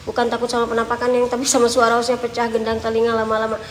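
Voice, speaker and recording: A woman's voice: fairly high pitch, monotone, racing. A young woman live-streaming a haunted house exploration, nervously muttering prayers and chatting in slang with her viewers. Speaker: ghost-hunting live streamer. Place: abandoned house, indoors. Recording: echoey, reverberant empty building, faint noise.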